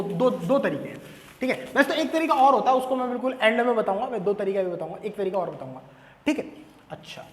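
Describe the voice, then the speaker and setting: High, playful male teacher lecturing in an echoey classroom, chatty and repetitive. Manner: acts out dialogues with students. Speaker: physics teacher. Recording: echoey room with long reverb.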